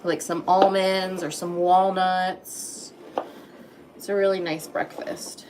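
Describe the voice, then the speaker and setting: Recorded on a phone against a noisy background, a livestream host in her thirties chats casually from her home kitchen and welcomes viewers by name. She speaks slowly, in a fairly low voice with little variation in pitch.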